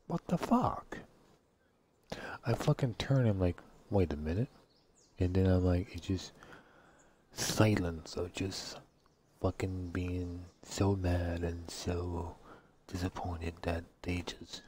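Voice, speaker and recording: A man's voice: low-pitched, little pitch movement, slow pace, warm tone. A man giving casual gameplay commentary, ranting in frustration with lots of swearing and muttering to himself. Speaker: let's play gamer. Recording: clear background noise with clicks.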